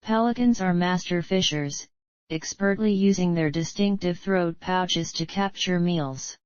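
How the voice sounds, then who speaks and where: A woman's voice: fairly low pitch, darkish tone, dry recording, highs cut off. A woman reading polished, explanatory nature documentary narration from a script.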